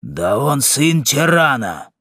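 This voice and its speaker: A man's voice: medium pitch, sing-song, slow pace, husky, dry recording, clean studio sound, heavily acted. A man voicing a coarse, drunken male cobbler-jailer who bullies and snarls in an audiobook. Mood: surly. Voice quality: growling, coarse. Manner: bullying, shouting. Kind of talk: audiobook character reading.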